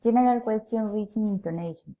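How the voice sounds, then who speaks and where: A woman reading practice sentences aloud slowly and carefully, pausing between phrases, with Spanish as her first language. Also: mid-range voice, dark tone. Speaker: student. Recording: dull lo-fi recording.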